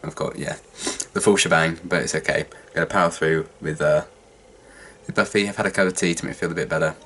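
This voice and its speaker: A young man chatting casually to viewers as a reaction vlogger, husky and congested with a cold and sore throat, sounding worn out and hungover. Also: deep voice, fairly even intonation, fast talker, a bit bright. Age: young adult.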